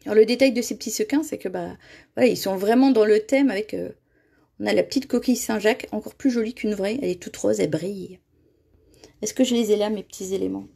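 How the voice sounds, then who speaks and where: A woman's voice: mid-range voice, quick pace, vocal fry, dark tone, husky. A woman giving a live card-making tutorial, chatty and often laughing as she reads viewer comments aloud. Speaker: crafting demonstrator.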